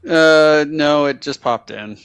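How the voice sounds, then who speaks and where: Smooth-voiced man co-hosting a stream. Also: fairly high pitch, slow pace, a bit bright, no room sound. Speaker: live stream co-host. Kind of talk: casual live stream chat.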